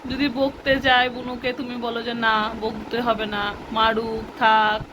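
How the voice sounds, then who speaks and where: Young mother, high voice, coaxing and chatty, noisy home recording with passing vehicles. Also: fairly even intonation, moderate pace. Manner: coaxing and repetitive with her children, chatty aside to viewers. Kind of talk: casual home vlog, talking to her children and viewers. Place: at home, indoors.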